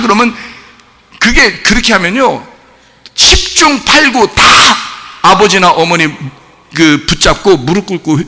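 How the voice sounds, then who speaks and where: A male pastor preaching a sermon, animated, with rhetorical questions, swinging between shouting and low asides. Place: church sanctuary. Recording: long church-hall reverb.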